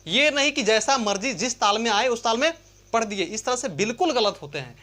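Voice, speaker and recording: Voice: mid-range voice, expressive, brisk, sharp tone. A Hindi grammar teacher giving an exam-prep lesson from a chart, repeating points, asking and answering their own questions, and stretching out vowel sounds to demonstrate them. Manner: repetitive, asks and answers own questions, addresses listeners as friends.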